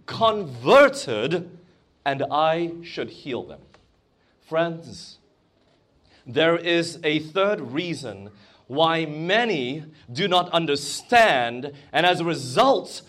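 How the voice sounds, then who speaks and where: A man's voice: fairly high pitch, a bit bright. A man preaching a sermon in a church or conference hall, asking the congregation questions as he goes.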